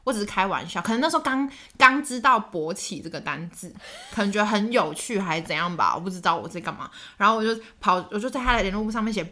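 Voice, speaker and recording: Young Taiwanese woman, podcast co-host, lively swooping delivery, quick and bright. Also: medium pitch. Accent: Taiwanese Mandarin. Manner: animated storytelling, laughs often. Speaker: YouTuber co-host. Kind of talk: casual chat.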